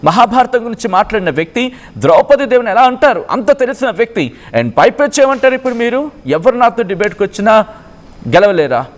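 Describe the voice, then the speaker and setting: A man anchors a live phone-in news show, his delivery measured and inquiring, with a voice that sits high.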